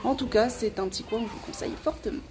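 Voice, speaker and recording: A woman's voice: on the high side, very fast. A young woman hosting a casual travel vlog outdoors, speaking with many hesitant filler sounds. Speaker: travel vlogger. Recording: outdoor camera audio with background noise.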